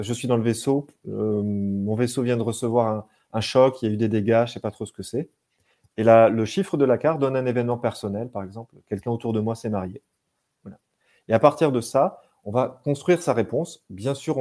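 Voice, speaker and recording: A man's voice: fairly low pitch, mellow. A man talking as a game designer and translator in casual chat, enthusiastic, often restarting and repeating words.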